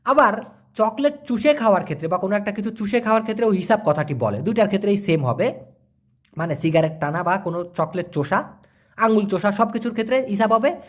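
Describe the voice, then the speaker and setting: A man, answering viewer questions in a casual spoken lesson and repeating words slowly for learners. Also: high voice, expressive.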